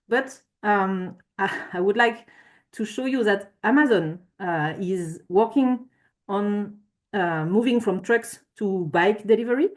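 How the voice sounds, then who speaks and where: A woman giving a conference presentation with slides, speaking hesitantly with frequent fillers and self-corrections. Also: mid-range voice.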